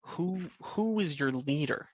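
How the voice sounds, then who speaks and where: A man's voice: fairly high pitch, lively intonation, takes it slowly, dry recording. A man voicing an unseen questioner calling through an urn with probing questions.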